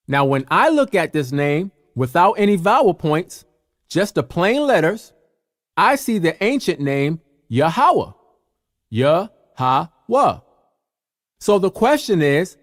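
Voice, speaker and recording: A man teaching from slides, explaining clearly and step by step. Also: fairly high pitch, no echo, studio quality.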